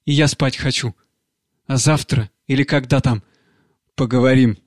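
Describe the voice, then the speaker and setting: A man's voice: medium pitch, fairly even intonation, moderate pace, a little mellow, dry recording, studio quality, natural voice. A man reading an audiobook, voicing a sullen young woman who brushes off her parents' questions. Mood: weary. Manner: tired, curt and evasive.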